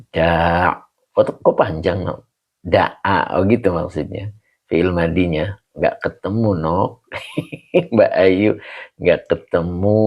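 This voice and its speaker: A man's voice: deep voice, gravelly. A man leading a casual online religious class, chatty, greeting students by name and laughing often, heard over a video call. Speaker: religious teacher.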